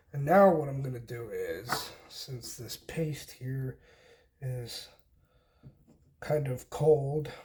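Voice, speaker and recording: Hosting a DIY homestead channel, a man with a fairly high, slightly mellow voice shows how to do wiring, walking through each step casually in short pieces while he works.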